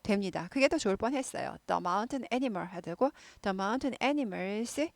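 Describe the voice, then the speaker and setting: A woman with a mid-range voice, recorded close and very dry, with no room sound at all. She teaches English grammar in Korean at a patient pace. She slows down to repeat single English words again and again for pronunciation drills. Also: mid-range voice, animated, vocal fry, no echo. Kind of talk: explaining English lessons in Korean.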